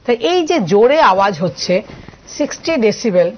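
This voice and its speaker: A woman's voice: mid-range voice, big pitch swings, fairly quick. A woman with a Bengali accent teaching an online science class, asking students questions and explaining step by step. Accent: Bengali, from Tripura. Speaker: science tutor. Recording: muffled lo-fi audio.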